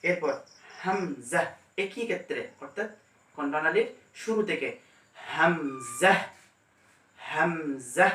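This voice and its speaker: A man teaching pronunciation step by step, demonstrating each letter slowly and carefully. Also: on the high side, fairly bright tone, recorded from a distance. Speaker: Quran teacher. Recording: echoey room, mic set back.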